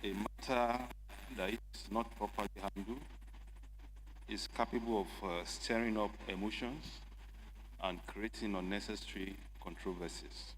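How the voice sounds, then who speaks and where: Nigerian guy making a formal speech in parliament, measured and emphatic, echoey hall. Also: fairly low pitch, steady tone. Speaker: state lawmaker. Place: legislative chamber. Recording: echoey assembly hall with faint noise.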